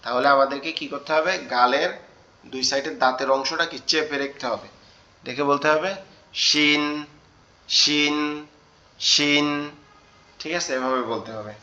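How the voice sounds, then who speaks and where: A man leads an online class on Arabic letters, speaking in a bright, forward voice. He repeats each sound several times and keeps checking in with the students. The call audio is dull and muffled. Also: medium pitch, fairly quick. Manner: patient, repeats sounds and asks the class questions. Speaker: Quran teacher.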